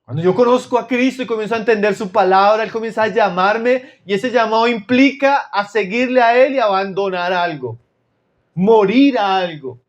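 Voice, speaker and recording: A man from Chile preaching a sermon, addressing his listeners as brothers and dropping to low, intense tones for emphasis. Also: normal speed, highs cut off.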